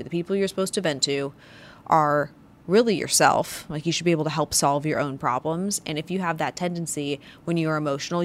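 With a low voice and a little hiss or hum, a woman business owner hosts her own podcast, giving a motivational business talk. Her delivery is emphatic and punchy, stressing short phrases.

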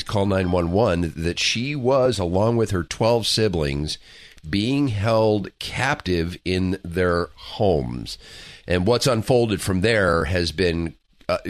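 A man co-hosting a talk radio show, chatting casually and pausing often on fillers, just over the flu. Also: sits low, no room sound, studio quality. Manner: conversational, frequent fillers and restarts. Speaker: radio co-host.

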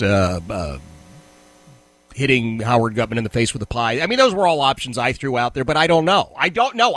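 A man's voice: medium pitch, a bit bright. A man hosting a radio talk show, speaking casually off the cuff, interrupting himself and repeating phrases for emphasis.

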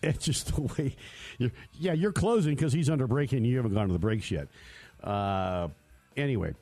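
A man's voice: medium pitch, darkish tone. A man hosting a motorsport radio show in a studio, telling stories in a rambling, self-mocking way. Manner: chatty, storytelling, self-mocking. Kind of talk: rambling casual radio talk.

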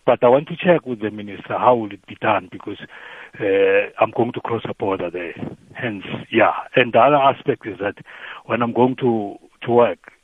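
A South African man talks earnestly over the phone, his voice squeezed into a thin, tinny line. He sits low in pitch and sounds dry and close, with nothing around him. He keeps circling back to his point as he explains himself. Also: normal speed, no room sound. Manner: earnest, leans on the word "hence". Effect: heard over the phone. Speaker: caller. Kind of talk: call-in radio question.

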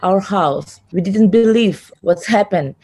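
A woman from Ukraine speaking English with a Ukrainian accent, answering interview questions haltingly with many "uh" fillers. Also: medium pitch, dark tone, husky. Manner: hesitant, many pauses and "uh" fillers. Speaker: interview guest.

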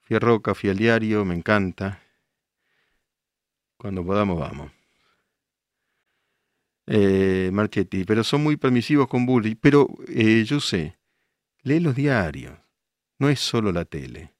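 A man's voice: lowish voice, lively intonation, a little slow, pauses often, no echo, studio quality. An older man with an Argentine accent hosting a radio show, reading listener messages and answering them with emphatic rhetorical questions. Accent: Argentine Spanish. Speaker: radio host.

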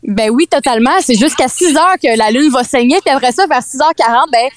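A goofy Québécois astronomer, played by a woman, explains the sky with earnest, mock-expert certainty. Her voice sits high and close to the mic, and the sound is dry. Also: fairly quick, no echo, natural voice. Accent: Québécois French. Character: goofy self-styled woman astronomer reporting live. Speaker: comic guest astronomer.

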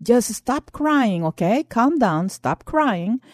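A woman's voice: fairly low pitch, wildly swooping pitch, unhurried, a little mellow, no room sound, clean studio sound. A woman with a Filipino accent voicing a flustered male police officer who pleads and repeats himself. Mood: pleading.

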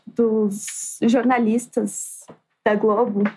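A woman with a soft, near-whispering voice, chatting casually as a guest. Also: fairly high pitch, flat delivery, drawn-out words, slightly rough. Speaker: guest, architect. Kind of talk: casual chat.

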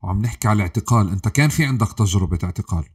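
A man's voice: fairly low pitch, animated, racing, breathy edge. A man with a Levantine Arabic accent, interviewing a guest in a conversational way as host.

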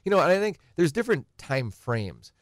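His voice is on the high side, very animated and fairly quick: a middle-aged guest attorney explaining estate planning on a talk show. He meanders conversationally and acts out clients' questions. The recording is dry with clean studio sound.

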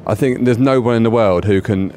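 A man co-hosting a podcast, telling an excited, rambling anecdote with many restarts. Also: fairly low pitch, brisk, slight background noise. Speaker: podcast co-host. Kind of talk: casual chat.

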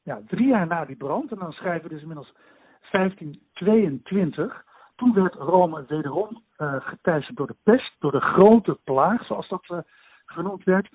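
A man on a poor-quality remote connection explains events at length in an interview, halting often with fillers and restarts. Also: expressive, husky, no room sound. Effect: low-quality remote connection with poor sound. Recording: tinny, dry phone-like line.

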